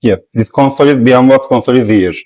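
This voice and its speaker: Turkish ship's officer, mid-pitched, halting English. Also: male voice, dark tone. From Turkey. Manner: halting non-native English phrasing. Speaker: ship's second officer being interviewed. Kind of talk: explaining equipment in an interview. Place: on a ship's bridge.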